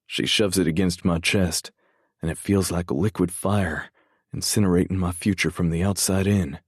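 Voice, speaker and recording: A man narrating a first-person romance audiobook in a measured, brooding way, swearing freely. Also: low voice, steady tone, husky, no echo, clean studio sound.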